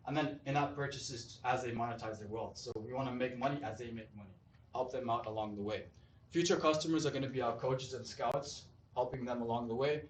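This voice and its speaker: A man from Zimbabwe pitching his startup with eager, salesy drive. His voice sits at a middling pitch. It is caught by a distant mic in a roomy hall with a faint hum of noise behind it. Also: darkish tone. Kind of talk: pitch presentation and Q&A. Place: event hall.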